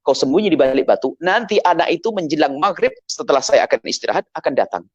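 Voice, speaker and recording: A man voicing a calm village shepherd who explains things plainly and lively. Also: on the high side, fast talker, breathy edge, dry recording, highs cut off. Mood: explaining. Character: old rural shepherd man, calm and helpful.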